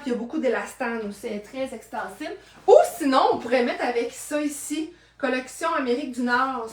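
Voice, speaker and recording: A woman with a Québécois accent chatting playfully as she tries on secondhand clothes, talking to a camera across an indoor room. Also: a little high. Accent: Québécois French. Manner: playful, chatty, jokes to herself. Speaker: vlogger showing secondhand clothes. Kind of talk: casual fashion try-on chat. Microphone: camera at a distance. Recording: roomy echo from mic distance.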